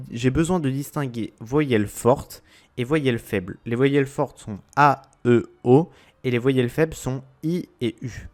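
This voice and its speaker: A man's voice: mid-range voice, darkish tone. A man giving a scripted, methodical grammar lesson, laying out rules step by step. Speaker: Spanish grammar teacher. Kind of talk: scripted explainer narration.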